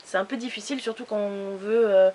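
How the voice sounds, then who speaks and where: A woman's voice: medium pitch, fairly even intonation, fairly quick, warm tone, a little hiss or hum. A woman chatting casually in a haul video, rambling with many fillers and restarts. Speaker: beauty vlogger.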